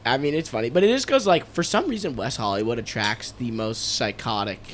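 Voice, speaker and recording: A man's voice: medium pitch, expressive, fairly quick, slight background noise. A man on a podcast telling a story in casual chat, acting out the people he quotes. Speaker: podcast host. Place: Los Angeles area.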